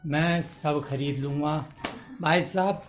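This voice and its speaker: A man's voice: a little high, takes it slowly, faint music behind, voice pushed down. A man voicing a drunk, boastful brother-in-law in a stand-up routine. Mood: drunk bragging.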